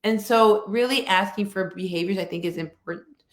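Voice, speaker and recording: Woman, steady conversational delivery, rhetorical "right?" asides, reverberant room sound. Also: mid-range voice, normal speed. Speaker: guest speaker. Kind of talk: conversational interview answer. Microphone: video call. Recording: echoey room.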